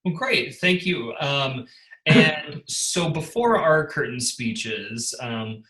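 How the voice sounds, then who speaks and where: A man interviews a guest for his theater in a halting, filler-heavy way. His tone is bright and forceful, and the room rings with echo. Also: on the high side, animated. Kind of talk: casual interview.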